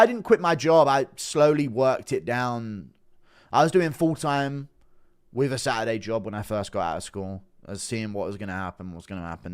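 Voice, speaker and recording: Hosting a laid-back livestream, this man speaks with a medium pitch and a clear, resonant tone. He trades sweary, straightforward jokes with his viewers and frequently dissolves into giggling laughter.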